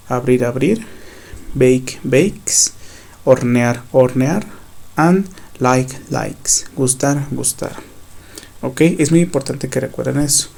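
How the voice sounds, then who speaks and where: A man's voice: medium pitch, vocal fry, warm tone. A man, teaching grammar to his students patiently and repeating the key points. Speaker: English teacher.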